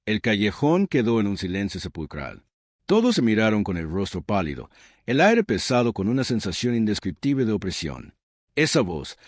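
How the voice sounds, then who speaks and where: A man's voice: lowish voice, a little mellow, dry recording, studio quality. A man reading a scripted horror story in a dramatic, suspenseful storytelling manner. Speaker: narrator.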